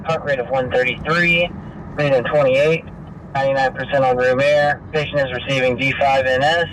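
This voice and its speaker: A man's voice: mid-range voice, steady tone, moderate pace. A man giving a matter-of-fact, procedural ambulance radio patient report as a dispatcher, heard over a scanner. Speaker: emergency medical dispatcher. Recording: distant radio scanner, loud vehicle noise. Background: car and outdoor noise.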